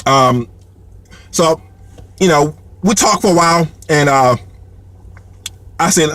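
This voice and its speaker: A man's voice: on the high side, slow. A man telling a comic story in a rambling way, full of fillers and repeated words, laughing as he goes. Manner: animated, laughs between lines.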